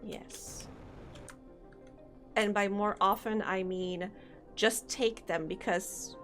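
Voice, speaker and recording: Taking it slowly, she speaks with fairly even intonation in a mid-range, somewhat bright voice. It's casual live-stream chatter while she plays: rambling, thinking aloud, talking to viewers, her throat a bit sore, game music faint underneath.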